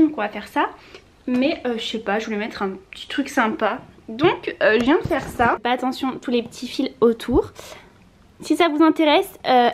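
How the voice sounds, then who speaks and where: High-voiced woman chatting through a DIY vlog. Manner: chatty, relaxed, full of small hesitations. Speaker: lifestyle vlogger. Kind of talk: casual DIY vlog chat. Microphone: compact camera mic.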